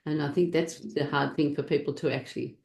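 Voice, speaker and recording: A woman hosts an interview in an effusive, gushing way. Her voice sits on the low side. The room around her is noticeably echoey. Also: steady tone, a little fast, vocal fry, a little mellow. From Australia. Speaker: podcast host and natural health practitioner. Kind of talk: interview hosting.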